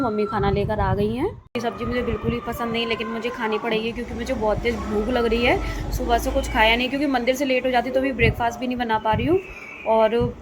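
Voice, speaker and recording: A young woman chatting through her daily routine at home as a family vlogger. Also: on the high side. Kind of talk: casual home vlog narration. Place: family home, indoors and yard. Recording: phone recording with household noise.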